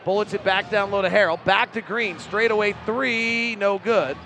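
High, gravelly man calling basketball live. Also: a little hiss or hum. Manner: rapid clipped play calls, bursting into shouts on big plays. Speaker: play-by-play commentator.

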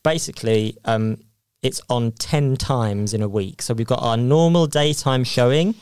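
A man's voice: medium pitch, a little slow, a little mellow, clear, resonant tone, no echo, studio quality. A man chatting casually on a podcast about soap operas, talking through stories with lots of fillers and restarts.

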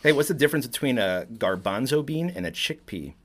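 A man on a podcast in a small shed studio, telling dad jokes in an animated way with chuckles and quick asides. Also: medium pitch. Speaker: podcast guest. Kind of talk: casual joke-swapping chat.

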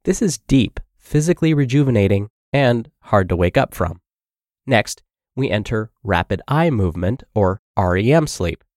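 A man's voice: fairly low pitch, animated, normal speed, a little mellow, no echo, studio quality. A man hosting a health podcast with a congested voice, upbeat as he reads a blog article aloud. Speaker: podcast host and narrator.

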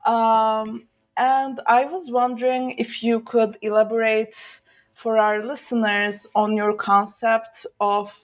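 A woman's voice: on the high side, level tone, takes it slowly, muffled recording. Woman hosting an academic interview. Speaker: podcast interviewer. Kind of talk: scripted introduction and interview questions.

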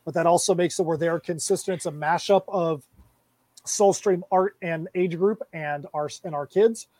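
A man's voice: fairly high pitch, normal speed, darkish tone, no room sound. A man who creates comics, chatting casually on a podcast about his project, upbeat and rambling.

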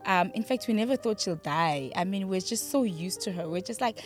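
A young woman, a podcast guest, speaking earnestly and emphatically about grief, with soft music underneath. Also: mid-range voice, a little fast. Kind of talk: emotional interview.

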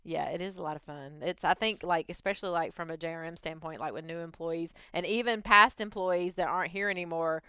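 A woman's voice: on the low side, fairly quick, hardly any pauses, pushed and bright, clean tone, no room sound, studio quality. A woman in her forties chatting casually, laughing often and saying "like" a lot. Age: 40s. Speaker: employee. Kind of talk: casual chat.

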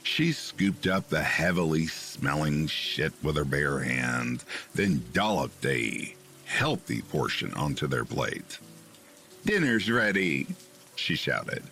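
Gravelly deep-voiced man narrating horror. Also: lively intonation, slow pace, bright, forceful tone. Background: faint horror music and rain.

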